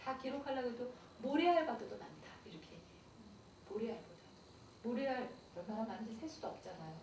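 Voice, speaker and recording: A middle-aged pastor's wife giving a playful, confiding church camp lecture on dating in a large hall. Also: female voice, on the high side, animated, fast talker. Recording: echoey hall, far mic, noisy.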